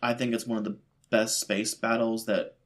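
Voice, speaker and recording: A man's voice: lowish voice, level tone, normal speed. A man co-hosting a podcast who rambles in casual chat, full of "like" and "you know". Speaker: podcast co-host.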